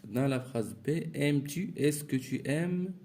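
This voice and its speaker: A man explains French grammar exercises at a slow, deliberate pace. His voice is dark and gravelly, and he keeps repeating phrases as he goes. A faint hum sits under the recording. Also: mid-range voice, lively intonation. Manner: slow, repeats phrases, mixes French with Moroccan Arabic words. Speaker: teacher. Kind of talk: grammar lesson walkthrough.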